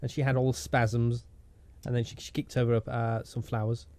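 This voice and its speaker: Mellow-voiced man, dry close sound. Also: mid-range voice, little pitch movement, normal speed, dry recording. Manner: silly, breaks into funny voices and singing. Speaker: podcast co-host. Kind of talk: casual comic banter.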